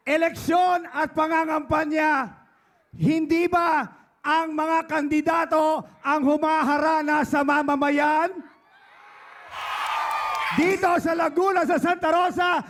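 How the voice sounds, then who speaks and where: A man working as a rally emcee, shouting call-and-response lines to hype the crowd. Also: extremely high pitch, a little hiss or hum. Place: large outdoor rally. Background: loud cheering crowd and music.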